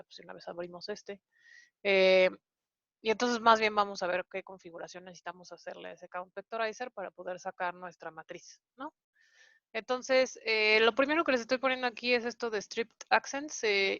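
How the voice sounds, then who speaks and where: A woman leads an online coding lesson, patiently walking through each step with many hesitant fillers. Her voice sits at an ordinary middle pitch. The recording is dry and somewhat dull, with a lo-fi edge. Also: a bit bright, dry recording. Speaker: programming instructor.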